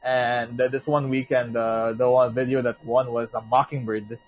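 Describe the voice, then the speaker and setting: Husky young man, podcast co-host, restarts sentences as he goes. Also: mid-range voice, little pitch movement, normal speed, dry recording, muffled recording. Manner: rambling, swears, many restarts and laughs. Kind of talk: casual chat.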